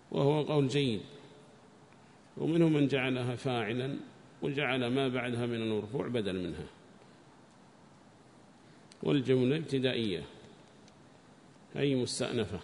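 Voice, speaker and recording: A man giving a lesson on classical grammar and Quran readings, reading quoted passages louder and higher, then explaining them more quietly. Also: moderate pace, pauses often. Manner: raises pitch and volume to read quoted text, drops to explain. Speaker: teacher. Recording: reverberant room with faint background noise.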